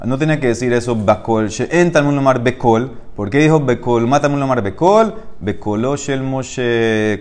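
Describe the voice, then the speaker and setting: Guy teaching talmud, even middle voice, walks through each line slow and steady. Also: medium pitch. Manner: explains step by step, mixing Hebrew and Aramaic phrases. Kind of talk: Talmud class in Spanish.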